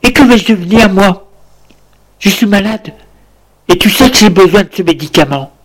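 A man voicing a desperate young wife craving her drug, pleading in a raised, shrill voice. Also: expressive, normal speed.

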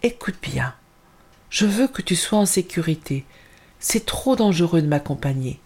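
A woman reading a story and voicing a protective mother in a low, grave, slow voice. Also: expressive, darkish tone, husky.

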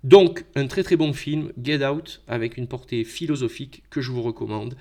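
A man's voice: medium pitch, moderate pace, darkish tone. A middle-aged French man hosting an improvised solo podcast, thinking aloud with many fillers and repeated words. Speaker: podcast host.

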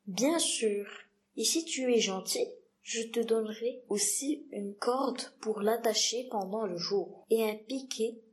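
A woman reading the lines of a patient grown-up male pilot in a storybook reading, gentle and unhurried. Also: on the high side. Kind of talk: read-aloud storybook dialogue.

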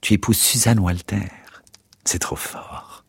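A man reading aloud, voicing a furious, betrayed woman who hurls shrill accusations at her lover. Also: creaky, husky, no echo, full character voice. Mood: bitter. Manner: shrill accusing outbursts, fast and raised.

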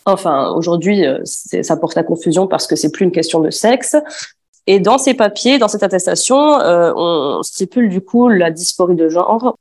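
A woman's voice: lowish voice, normal speed, a little mellow. A woman in her twenties from Afghanistan, giving a spoken personal testimony with frequent fillers and restarts. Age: 20s. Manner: hesitant, many fillers and restarts.

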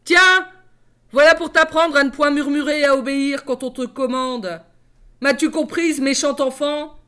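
A woman's voice: sits high, sing-song, measured pace, pitched above the performer's own voice. A woman voicing a cruel stepmother who barks orders in a curt, scolding tone. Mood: harsh.

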